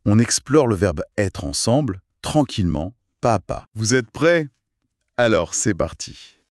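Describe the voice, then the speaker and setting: A man teaching a beginner French lesson, speaking slowly and deliberately and repeating key phrases so they are easy to follow. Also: lowish voice, very animated, no room sound, studio quality. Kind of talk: slow articulated beginner lesson.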